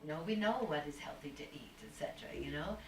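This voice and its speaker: A woman guest speaks fast in a low voice on a video call, going on at length in a searching, spiritual ramble with frequent restarts during casual talk. The mic sounds distant and roomy, with a little faint noise.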